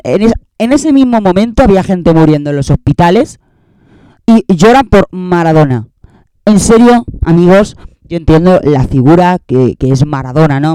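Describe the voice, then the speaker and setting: A man's voice: a little high, dark tone, clear, resonant tone, no room sound. A young man with a Spain Spanish accent, hosting a casual, rambling, sarcastic year-end monologue that keeps repeating itself. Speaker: host.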